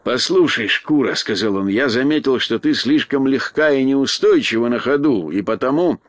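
A man's voice: mid-range voice, lively intonation, normal speed, dry recording, lightly acted. A man voicing a vain, stern sorcerer who speaks in curt, commanding tones. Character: stern, vain male carpenter turned sorcerer.

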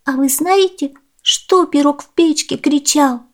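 Woman doing a timid storybook girl: high, pleading, teary. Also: unhurried. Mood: worried. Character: obedient little peasant girl, timid and tearful.

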